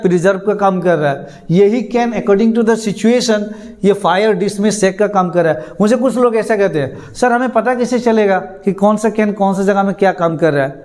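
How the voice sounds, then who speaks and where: Guy teaching english class, highish voice, keeps repeating stuff and asking students. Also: a little mellow. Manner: repeats words, asks students questions, chuckles. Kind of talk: classroom lesson.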